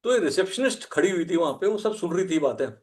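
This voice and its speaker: A man's voice: high voice, expressive, fast talker, a little mellow. A man in his sixties, a podcast guest telling personal stories in a humorous, self-deprecating way and chuckling often. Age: 60s. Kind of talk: anecdotal conversational storytelling.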